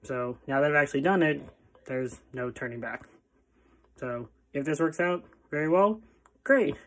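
A man in his twenties or thirties with heavy, audible breathing, talking casually and haltingly to his phone in a self-deprecating way. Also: mid-range voice, fairly bright tone. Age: 20s to 30s. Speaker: pharmacist starting a video channel. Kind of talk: casual vlog talk to camera. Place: plain indoor room. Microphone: phone at arm's length.

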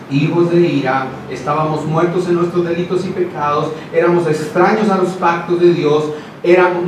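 An impassioned male preacher with a high voice, moving between ringing declarations and quiet asides. He sounds far from the microphone in a church with a heavy echo. Steady noise sits behind him. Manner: impassioned, swings from loud declarations to hushed asides. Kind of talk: sermon. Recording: echoey hall, distant mic, noisy.

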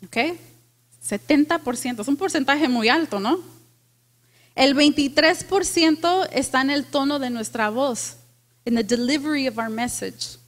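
A woman pastor preaching a lively sermon to a congregation, asking them questions and dropping in English phrases. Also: high-pitched, unhurried. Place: church with congregation.

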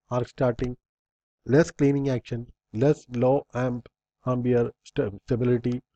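A man's voice: medium pitch, warm tone, no echo, dull audio. A man instructor reading slide bullet points aloud in a recorded lecture, in short fragments with small slips and restarts.

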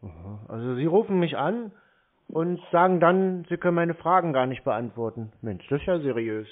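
This scambaiter has a slightly high, expressive voice and a moderate pace. Over a thin, tinny phone connection, he mocks a scam caller with sardonic, needling sarcasm.

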